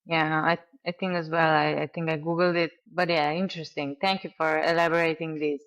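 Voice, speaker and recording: A woman's voice: low-pitched, little pitch movement, brisk, a bit bright. A woman hosting a podcast interview, asking curious, hedged questions. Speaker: podcast host. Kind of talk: casual interview.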